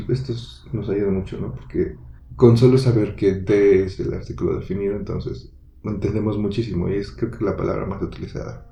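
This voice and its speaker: A man's voice: lowish voice, dark tone, echoey room. A man teaching English grammar patiently, with frequent fillers and asides. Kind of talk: recorded grammar lesson.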